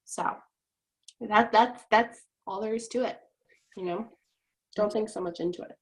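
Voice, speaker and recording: A woman's voice: medium pitch, measured pace, rough recording. A young adult woman giving casual, upbeat sales advice on a video call, full of "like" and "you know.". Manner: chatty, peppers speech with "like" and "you know". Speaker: guest, top-ranked direct sales distributor. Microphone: video call microphone.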